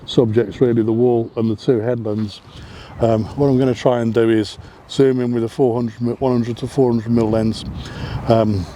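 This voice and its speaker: On a hillside path above a seaside town, a man who is not Welsh narrates a casual photography vlog in a warm, mid-range voice. He is chatty, with lots of ums and self-corrections. There's a little hiss or hum in the audio.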